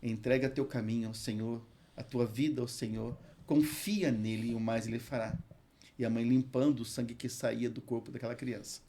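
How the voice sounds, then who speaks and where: A man with a Brazilian Portuguese accent, a hospital chaplain and pastor, tells an earnest testimony in an interview and recites scripture slowly. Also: mid-range voice, fairly even intonation, mellow, slight background noise. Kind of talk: emotional testimony in a podcast interview.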